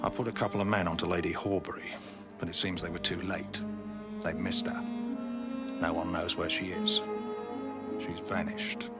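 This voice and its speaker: A blunt police chief inspector in a period television drama, plain-spoken and matter-of-fact. His voice sits somewhat low, with music clearly audible behind him. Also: animated, moderate pace, long pauses. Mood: alarmed. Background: background music.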